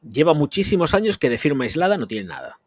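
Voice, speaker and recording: Guy ranting at his stream chat, crude and emphatic, fairly high voice. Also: very animated, quick pace, a little mellow, slightly rough, no echo. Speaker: perfume reviewer and channel host. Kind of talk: live stream answering chat comments.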